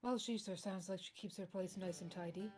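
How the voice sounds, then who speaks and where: A woman player in a tabletop game with a dry, easygoing delivery. Her voice sits at an ordinary pitch. Soft guitar music plays behind her. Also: fairly quick. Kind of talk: tabletop role-play chat.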